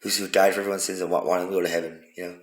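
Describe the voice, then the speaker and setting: A man's voice: low-pitched, flat delivery, racing. A man giving a rambling, profane philosophical monologue, repeating himself for emphasis. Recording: roomy echo.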